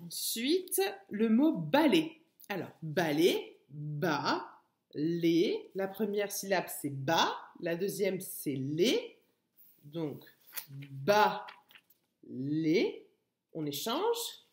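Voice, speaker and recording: A woman teaches a phonics lesson to small children. She speaks slowly, and her voice rises and falls in a sing-song way as she stresses each syllable. The sound echoes around the room. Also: mid-range voice, huge pitch swings, darkish tone. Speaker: kindergarten teacher. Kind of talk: slow, deliberate phonics lesson for young children.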